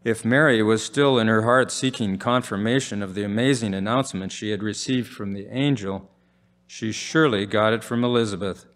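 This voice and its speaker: Standing at a church pulpit, a man of about seventy reads a sermon from a script, including scripture readings, into a gooseneck microphone. His voice is lowish and his delivery measured and formal.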